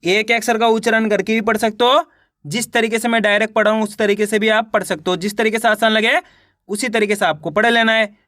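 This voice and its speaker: A man teaching children to read Hindi, sounding out syllables slowly and repeating each word as a question and answer. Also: high-pitched, steady tone, a bit bright, no echo, clean studio sound. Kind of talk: step-by-step reading lesson.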